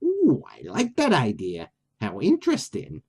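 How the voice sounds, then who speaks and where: A man voicing a wisecracking male parrot sidekick, with a loud, squawky put-on Brooklyn accent. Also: on the high side, huge pitch swings, unhurried, husky, heavily acted. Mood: sarcastic.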